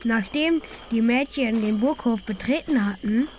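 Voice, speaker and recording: A woman reading a children's story aloud in a lively storytelling manner. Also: on the high side, measured pace, a little hiss or hum. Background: loud music.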